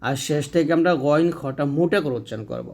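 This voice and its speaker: Slow man teaching sounds. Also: a little high, expressive, creaky. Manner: slow, demonstrates sounds by drawing them out. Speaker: Quran recitation teacher. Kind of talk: explanatory lesson.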